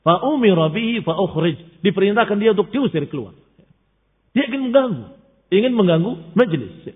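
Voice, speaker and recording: A man's voice: sits high, very animated, moderate pace. A man giving an emphatic religious lecture on creed, mixing Arabic terms into his explanation and rising sharply when rebuking. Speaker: Islamic teacher. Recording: tinny phone-like sound in a long-reverb hall.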